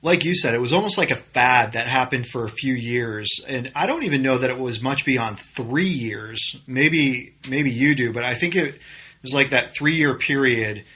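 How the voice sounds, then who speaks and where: Bright, rambling man co-hosting a podcast. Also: mid-range voice, moderate pace, breathy edge. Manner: rambling, many fillers, asks questions back. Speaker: podcast co-host. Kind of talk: casual chat.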